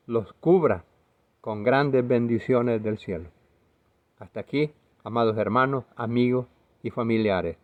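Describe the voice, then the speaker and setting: A man's voice: mid-range voice, darkish tone. A man preaching a video sermon in an earnest, emphatic way, now and then correcting himself.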